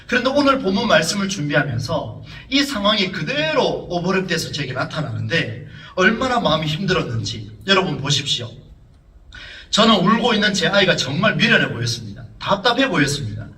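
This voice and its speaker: A man's voice: on the high side, big pitch swings, a little fast, sharp tone, far from the mic. A man, a pastor, preaching earnestly and dramatically in church, with rhetorical questions to the congregation. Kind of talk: sermon. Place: church sanctuary. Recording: echoey church, voice from off the mic.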